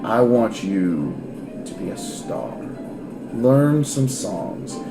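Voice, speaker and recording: A man's voice: mid-range voice, big pitch swings, full character voice. Wistful older performer woman, as a man puts her on. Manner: gentle, slow and earnest. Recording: roomy echo with music behind.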